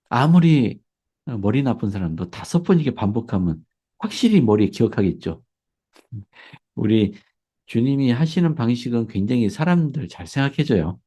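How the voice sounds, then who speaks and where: A man giving a casual spoken lesson on church history. His sibilants slur slightly because of braces, he fills pauses with short yeses, and he chuckles often. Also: mid-range voice, mellow, slightly rough.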